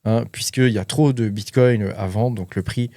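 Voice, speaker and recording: A man's voice: lowish voice, moderate pace, mellow, no room sound, clean studio sound. A man hosting a crypto and mining channel, talking casually and informally with lots of fillers and asides. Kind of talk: casual commentary to camera.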